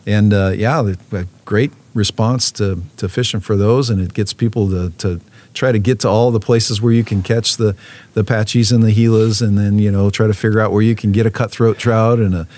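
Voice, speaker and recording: A man's voice: on the low side, steady tone, fairly quick, a little mellow. A man, a fishing program manager, talking casually in an interview, with many fillers and restarts.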